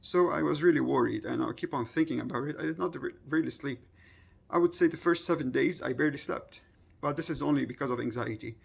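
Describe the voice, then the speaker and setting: A man around thirty tells a personal story in casual vlog style. His voice is husky and heavily fried at the edges. He speaks hesitantly, repeating phrases and circling back to clarify what he means. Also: medium pitch, quick pace. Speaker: vlogger recounting a personal experience.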